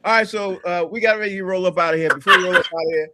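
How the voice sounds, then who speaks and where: A man's voice: sits high, racing, very noisy. A man hosting a casual group chat, loose and laughing as he passes the turn around. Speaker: host.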